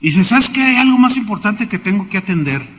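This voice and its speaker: Animated Mexican pastor in a reverberant church. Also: male voice, high voice, a little fast. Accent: Mexican Spanish. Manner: animated storytelling, voices quoted people, sudden shouts. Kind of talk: sermon. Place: church sanctuary. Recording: long hall reverb.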